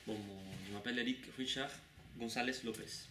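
A man's voice: mid-range voice, steady tone, fairly quick. A young man from Cuba, a student, talking fluently and at length about his course. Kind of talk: interview answers. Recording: echoey room, mic at a distance, noise.

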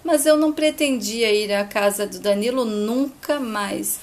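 A woman voicing an anxious, earnest young woman who speaks softly and hesitantly. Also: medium pitch, a little slow, close to an everyday voice.

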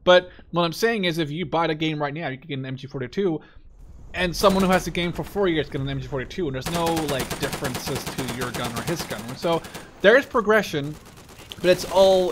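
A young man who makes gaming videos gives live, casual commentary on his play, rambling, swearing and full of opinions. His voice is fairly high and moves at a normal speed. Loud machine-gun fire and clicks from a war game sit behind him.

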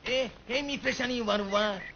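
A gravelly, grumbling servant. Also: male voice, very high-pitched. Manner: deferential, grumbling. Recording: dull old film track with clear noise.

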